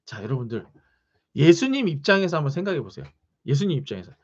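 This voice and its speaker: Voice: mid-range voice, fast talker, slightly rough, highs cut off. A pastor preaching a sermon, often asking the congregation questions. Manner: animated, asks the congregation questions.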